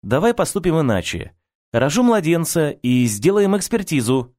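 A woman's voice: deep voice, sing-song, normal speed, darkish tone, no echo, studio quality, voice pushed up. A man voicing a young pregnant woman who pleads and insists with her lover, in a storybook reading. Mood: insistent.

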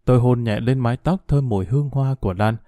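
A man narrating a first-person audio story in a measured, reflective, melancholy way. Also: mid-range voice, mellow, no echo, clean studio sound.

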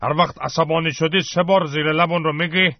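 A man's voice: a little high, steady tone, dry recording, close to an everyday voice. A man playing a greedy, dismissive cleric. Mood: smug. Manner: slow, drawling, dismissive, demands payment. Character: greedy, brusque male cleric posing as a counselor. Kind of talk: radio satire sketch. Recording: dull, dry radio studio sound.

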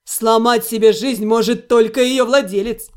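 A woman's voice: a little high, fairly even intonation, moderate pace, voice pushed down, lightly acted. A woman reading an audiobook, voicing a brash, cocky male orc who teases and mocks. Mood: mocking. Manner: smug, teasing.

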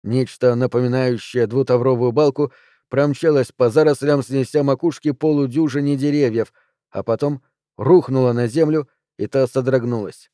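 A man narrating an audiobook in a steady, measured reading. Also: medium pitch, no echo, clean studio sound. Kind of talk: scripted narration.

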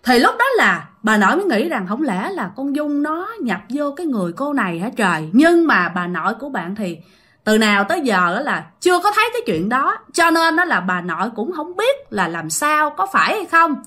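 Chatty Southern Vietnamese woman narrating a ghost story, bright, forward voice. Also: sits high, very animated, fairly quick. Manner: chatty, addresses listeners directly.

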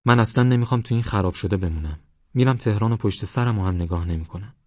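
A man's voice: lowish voice, mellow, dry recording, highs cut off, close to an everyday voice. A man voicing a defiant young orphan woman. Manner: fierce, pleading.

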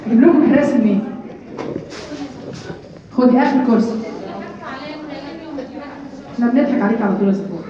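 Egyptian woman teacher, high and quick, quizzing the class, mic far off in a booming room. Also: crowd noise. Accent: Egyptian Arabic. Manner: lively, asks the class questions and answers them; draws out key terms slowly. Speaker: Quran recitation teacher. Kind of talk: live classroom lesson. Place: classroom with women students. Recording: echoey room, voice from across the room, muffled. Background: chattering students.

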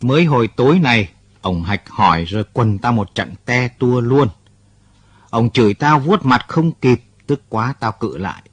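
A man's voice: medium pitch, lively intonation, normal speed, husky, dry recording. A man voicing an agitated middle-aged man telling a painful story. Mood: upset. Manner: upset, pours out his story.

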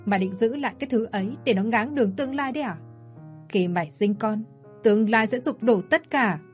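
A woman's voice: fairly high pitch, expressive, a little fast, soft background music, close to an everyday voice. A woman voicing a stern, unforgiving middle-aged mother who scolds coldly, in a spoken audio story. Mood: harsh. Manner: scolding, cold.

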